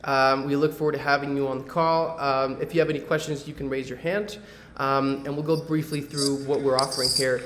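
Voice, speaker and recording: In a brisk, level, medium-pitched voice with a fairly bright tone, the Medellín man runs his real estate webinar on a video call. He keeps it conversational, leaning on fillers and tag questions, and the audio sounds roomy.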